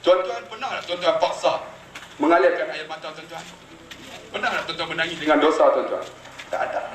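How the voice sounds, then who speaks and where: A man's voice: on the high side, fairly quick, slight background noise. A man preaching a sermon, telling stories and speaking straight to his listeners. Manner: animated storytelling, addresses the audience directly. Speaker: religious preacher. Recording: echoey hall, mic from a distance.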